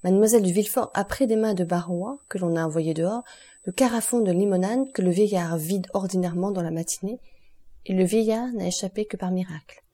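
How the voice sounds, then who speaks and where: A woman reading the part of a stern, relentless male doctor, solemn and accusing in a measured way. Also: mid-range voice, warm tone, lightly acted.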